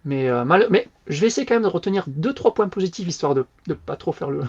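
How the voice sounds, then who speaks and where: Animated slangy man on a dull podcast. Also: on the high side, fast talker, slightly rough. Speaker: podcast co-host. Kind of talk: casual book review chat.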